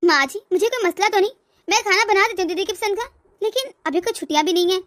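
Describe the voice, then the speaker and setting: A woman voicing a polite, put-upon young daughter-in-law in a cartoon, complaining softly. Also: very high voice, fast, no echo. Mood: hurt. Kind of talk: cartoon voice acting.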